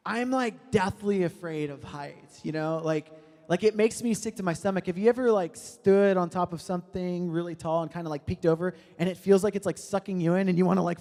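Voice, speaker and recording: High-voiced young man telling a sermon story. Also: darkish tone. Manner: casual, joking, many fillers. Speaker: speaker at a youth prayer service. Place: church hall. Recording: long reverb of a hall.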